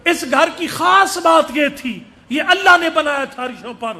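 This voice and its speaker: A man's voice: very high-pitched, expressive, gravelly, bright, forceful tone. A man with a Punjabi-tinged Urdu accent delivering a mourning sermon at a mosque gathering, chanting and wailing as he speaks. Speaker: Shia orator. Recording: crowd and noise from a live gathering.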